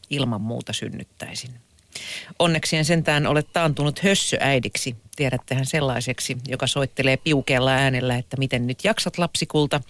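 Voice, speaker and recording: A man reading newspaper columns aloud for a radio press review, lively and lightly humorous. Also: medium pitch, gravelly, no echo.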